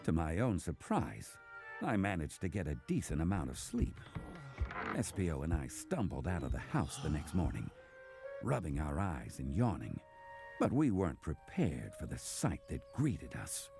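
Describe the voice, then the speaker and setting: A man playing a hardboiled detective narrating his casefile in scripted noir style, with a gravelly voice. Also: rumbling low, huge pitch swings, moderate pace, music in the background, heavily acted. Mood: brooding, wry.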